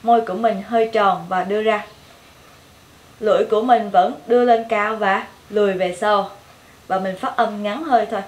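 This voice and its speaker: A young woman with a Vietnamese accent teaching English pronunciation, modeling each sound clearly and repeating every word several times. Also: medium pitch, fairly even intonation, moderate pace, reverberant. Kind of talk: pronunciation lesson with repeated drill words.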